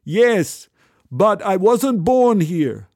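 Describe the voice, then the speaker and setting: A man voicing a confused elderly male warehouse worker, high and slow, drifting in his replies. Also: big pitch swings, a little mellow, dry recording, studio quality, exaggerated voice. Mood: bewildered. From Poland. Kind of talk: storytelling.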